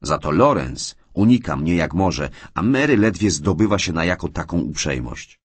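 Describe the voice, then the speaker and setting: A shy, tearful young woman speaks in a lifted, soft, pleading tone, voiced by a man in a dry audiobook read. Her voice is breathy and husky, and it rises and falls a good deal. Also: sits low, lively intonation, normal speed, dry recording. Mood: hurt, tearful. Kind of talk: audiobook character reading.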